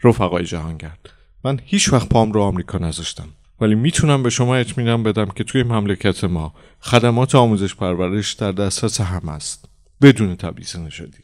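Man as a lecturing Soviet policeman, deep-voiced. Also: a little mellow, lightly acted. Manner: formal, boastful lecturing.

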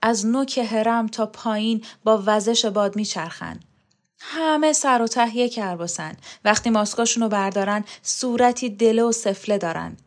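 A woman reading a novel aloud, voicing a sharp, disillusioned woman who speaks with biting contempt. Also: on the high side, lightly acted. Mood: scornful. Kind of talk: audiobook character reading.

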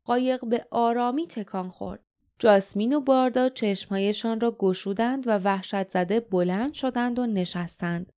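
A woman narrating an audiobook in a steady, even storytelling voice. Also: on the high side.

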